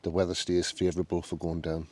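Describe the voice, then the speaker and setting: A man's low, slightly mellow voice stays monotone as he talks fast, chatting casually to camera from inside a small tent outdoors. He's a solo camping vlogger with a Northern English accent, musing aloud in a down-to-earth, understated manner.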